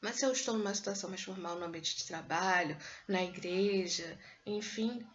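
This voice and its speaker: Bright-voiced Brazilian woman teaching class. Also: fairly low pitch, normal speed, muffled recording. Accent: Brazilian Portuguese. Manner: explanatory, often adds "tá?" to check understanding. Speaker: Portuguese teacher. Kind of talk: recorded class lesson.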